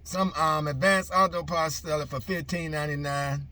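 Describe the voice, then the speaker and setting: A man's voice: fairly high pitch, steady tone, normal speed. A man who drives trucks and preaches, talking to his viewers in a rambling casual vlog from his truck, full of fillers and repeated greetings. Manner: rambling, repeats "ladies and gentlemen", many fillers. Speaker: minister.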